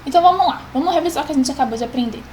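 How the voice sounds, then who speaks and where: A woman's voice: sits high, lively intonation, rapid-fire, a little mellow, slight background noise, low-quality recording. A woman, patiently explaining a grammar lesson as a teacher and often checking in with the class.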